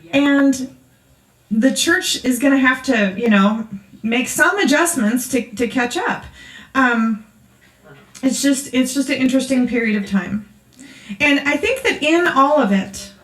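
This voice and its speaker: Candid woman preaching in an echoey hall. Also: on the high side. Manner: candid, chatty, many fillers. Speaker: conference speaker. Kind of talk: casual conference message. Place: church conference hall.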